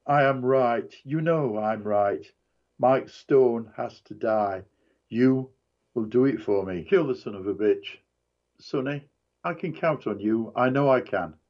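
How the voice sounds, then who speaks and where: Man voicing a drugged despairing man, slurred, tired monotone, soft, slow, muffled recording. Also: mid-range voice, lightly acted. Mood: quiet insistent.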